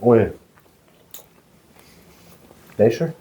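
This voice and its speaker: A man tasting food in a home kitchen, giving slow, laconic short replies. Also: roomy sound, muffled recording. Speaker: host's partner tasting the food.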